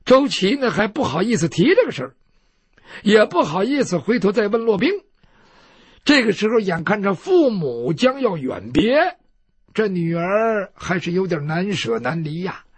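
Husky-voiced storyteller. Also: male voice, high-pitched, sing-song, normal speed, no echo. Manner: vivid, rhythmic, dramatic. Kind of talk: traditional storytelling.

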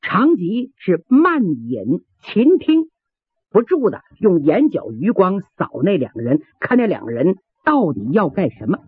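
Animated male storyteller, tinny sound. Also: high voice, a little slow, husky, no echo. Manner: animated, dramatic, vivid sound words. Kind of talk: traditional Chinese oral storytelling. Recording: tinny phone-like sound, dry.

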